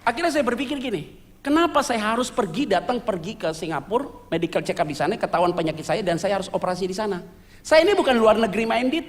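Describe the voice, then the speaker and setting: A male pastor preaching a sermon, telling his story in a lively, joking way and mixing in English words. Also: high voice, quick pace, long reverb tail. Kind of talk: sermon testimony. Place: church sanctuary.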